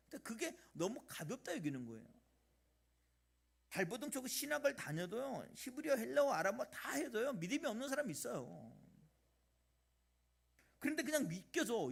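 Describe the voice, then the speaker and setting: Animated high-voiced male pastor preaching. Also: vocal fry, breathy edge. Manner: animated preaching, shifting between loud emphasis and quiet asides. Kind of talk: sermon. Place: church sanctuary.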